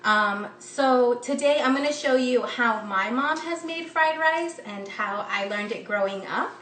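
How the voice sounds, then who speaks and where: A cheerful woman in her thirties, her voice pitched a little high, hosts a live cooking stream from her home kitchen. Her upbeat, chatty talk with frequent ums comes through a phone set back a bit. The sound is roomy and somewhat distant. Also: measured pace, fairly bright tone, a little hiss or hum. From United States. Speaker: cooking instructor. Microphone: phone camera propped close.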